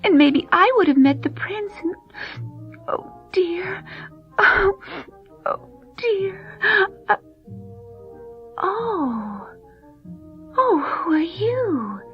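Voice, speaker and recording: A woman's voice: high-pitched, very animated, unhurried, dull audio, faint music behind, voice pushed up, full character voice. A woman voicing a sweet, meek young servant girl who talks timidly and stammers. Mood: tearful.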